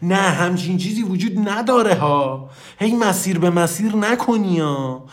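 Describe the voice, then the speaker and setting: A man from Iran giving an emphatic, playful motivational talk, acting out inner voices and speaking warmly to his listeners. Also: high voice, lively intonation. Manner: affectionate toward listeners. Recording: roomy echo.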